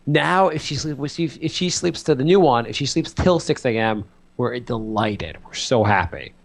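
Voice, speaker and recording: A man's voice: mid-range voice, moderate pace, gravelly. Male co-host, mid-range voice, rambling storyteller, loose and chatty. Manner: rambling, animated storytelling with lots of fillers. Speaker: podcast co-host; father of two small children. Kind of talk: casual chat.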